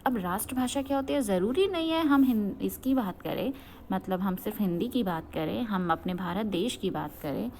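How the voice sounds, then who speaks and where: A woman's voice: medium pitch, lively intonation, normal speed, a little mellow, a little hiss or hum. A young adult woman from Uttarakhand teaching a grammar lesson, asking questions and answering them herself, often checking that students follow. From Uttarakhand, India.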